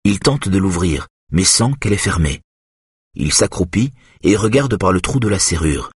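A man with a husky voice narrating a thriller audiobook in an expressive, lively storytelling manner. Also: low-pitched, normal speed, dry recording, studio quality. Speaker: audiobook reader. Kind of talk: scripted narration of a thriller novel.

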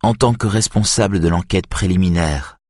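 A man reading an audiobook, voicing a tired but determined young woman detective with quiet, clipped replies in a husky voice. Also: low-pitched, normal speed, no room sound, studio quality, voice pushed up. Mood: tired, firm.

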